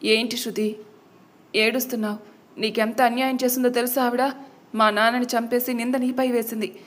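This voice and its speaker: A woman's voice: on the high side, flat delivery, normal speed, lightly acted. A woman doing a bitter, resentful young man. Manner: cold, resentful.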